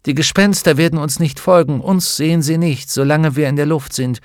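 A man voicing a calm, ageless witch in a storybook reading, giving firm instructions. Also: fairly high pitch, fairly quick, dry recording, studio quality, voice pushed up, lightly acted. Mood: commanding. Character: calm ageless witch woman, cool and commanding.

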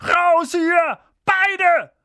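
A man voicing a gruff, bullying middle-aged uncle who snaps and shouts in a story reading. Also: high-pitched, wildly swooping pitch, a little slow, no echo, studio quality, pitched above the performer's own voice, full character voice. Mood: angry, mocking. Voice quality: shouting, snapping.

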